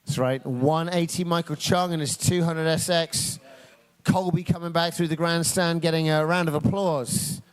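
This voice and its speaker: A man giving energetic, joking play-by-play commentary at a live drift event. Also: on the high side, moderate pace, clear, resonant tone.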